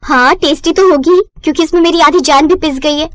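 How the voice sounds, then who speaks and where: A woman voicing a cheeky, sarcastic young bride in a cartoon story, full of quick quips. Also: high voice, fairly bright tone, dry recording.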